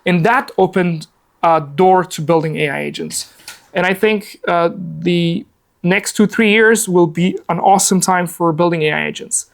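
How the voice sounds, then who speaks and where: Seated at a laptop in a meeting room, an Afghan man in his forties presents a relaxed live workshop while a camera records from the far side. His high-pitched voice, tinged with vocal fry, keeps a normal speed as he chats cheerfully with many fillers.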